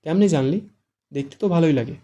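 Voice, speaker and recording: A man's voice: fairly high pitch, a little fast, dark tone, highs cut off, close to an everyday voice. A man voicing a teasing, chatty young female student friend in an audiobook. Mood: surprised.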